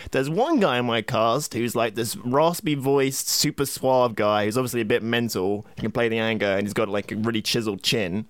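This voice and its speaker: A man's voice: mid-range voice, moderate pace, few pauses, clear, resonant tone, no room sound. A man co-hosting a podcast in casual, jokey chat, laughing often. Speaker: podcast co-host.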